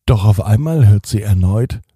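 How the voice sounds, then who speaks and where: A man narrating a children's story slowly and gently, with expressive read-aloud delivery. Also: lowish voice, slightly rough, no room sound, studio quality.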